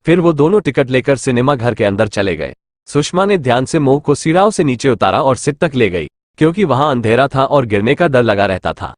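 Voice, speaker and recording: A man's voice: medium pitch, no echo. A man narrating an audio novel in scripted storytelling, close to a dry mic. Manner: storytelling, expressive.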